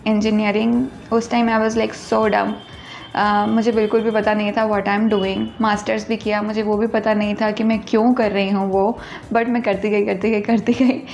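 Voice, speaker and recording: A woman's voice: mid-range voice, level tone, moderate pace, gravelly, a little mellow, faint music behind. A woman, chatting casually in a birthday Q&A vlog and mixing Hindi with English, self-deprecating and talkative. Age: 20s. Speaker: YouTuber answering viewer questions.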